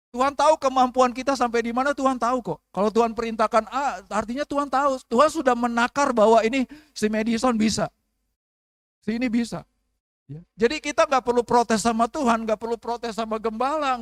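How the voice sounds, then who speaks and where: Seorang pendeta pria paruh baya berkhotbah dalam ibadah gereja, sering bertanya kepada jemaat. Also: male voice, very high-pitched, a bit bright, no echo, studio quality. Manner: preaching with call-and-response questions and acted prayers. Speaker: pastor. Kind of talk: sermon. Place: church service.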